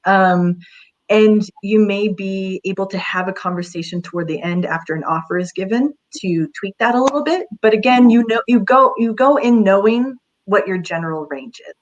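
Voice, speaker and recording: A woman's voice: medium pitch, normal speed, highs cut off. A woman career counselor giving casual advice in an interview, talking in a chatty way with many fillers.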